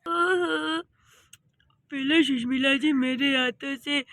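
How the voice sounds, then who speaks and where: Cartoon role: a smooth-talking young husband, high and bright, voiced by a woman. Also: takes it slowly, no room sound, exaggerated voice. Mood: fawning. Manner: sweet-talking, flattering.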